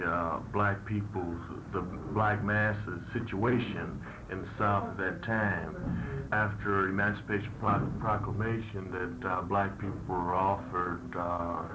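A young man giving an earnest political statement in an interview on old worn tape. He speaks haltingly, with many fillers. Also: low voice. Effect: old worn archival tape. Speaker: political party leader being interviewed. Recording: hissy old tape recording.

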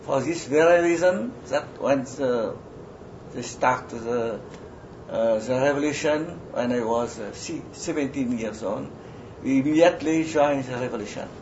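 An older man, a retired army surgeon, recalls his life in an oral history interview captured on a noisy lo-fi recording. His first language is French, he has a Vietnamese accent, and his mid-range voice comes out haltingly, full of restarts and fillers.

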